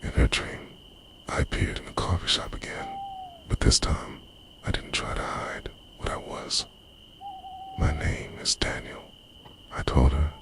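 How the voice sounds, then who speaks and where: In a scripted, romantic ASMR piece, a man narrates softly and breathily, as if confessing, frequently slipping into a whisper. His delivery is unhurried, with frequent pauses.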